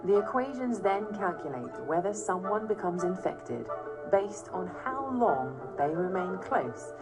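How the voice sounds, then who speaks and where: A British woman narrates a documentary, her voice sitting a little low and her delivery steady and explanatory. Clear, measured phrasing carries over a strong music bed. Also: low-quality recording. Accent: British English. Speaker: documentary presenter.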